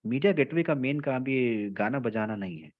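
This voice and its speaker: Man teaching a technical class, slow and repetitive. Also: medium pitch, lively intonation, phone-quality sound. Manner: explains slowly in Hindi mixed with English terms, checks in often with "theek hai". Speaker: telecom trainer. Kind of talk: technical lecture.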